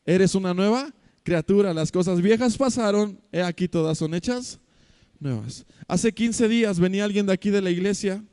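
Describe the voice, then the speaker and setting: A young adult man with a Mexican accent, a pastor preaching a sermon and telling stories with acted quotes, dropping between loud and soft. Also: high-pitched, normal speed, clear, resonant tone, no room sound, studio quality. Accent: Mexican Spanish. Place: church hall.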